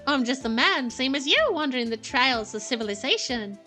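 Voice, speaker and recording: A woman's voice: high-pitched, expressive, brisk, bright, forceful tone, soft background music, voice pushed down. A woman voicing a laid-back cowboy detective man in a drawling, easygoing way, in a game playthrough. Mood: musing.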